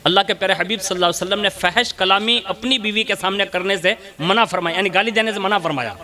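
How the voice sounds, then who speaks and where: A man's voice: sits high, fast, sharp tone. A man with a Gujarati accent preaching a sermon at a religious gathering, telling stories with acted dialogue and calling out to listeners by name. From India. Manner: storytelling with acted dialogue, addresses audience by name.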